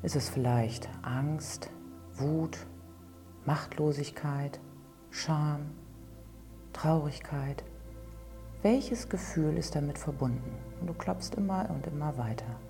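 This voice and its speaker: A woman guides listeners through a tapping session in a low, mellow voice. She speaks slowly and calmly, sometimes sinking into a soft whisper. Faint music plays under her. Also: creaky. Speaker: tapping coach.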